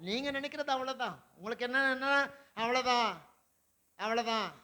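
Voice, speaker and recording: A male pastor preaching a sermon, swinging between loud declarations and low asides, with repeated rhetorical questions to the congregation. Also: fairly quick. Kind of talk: Tamil sermon.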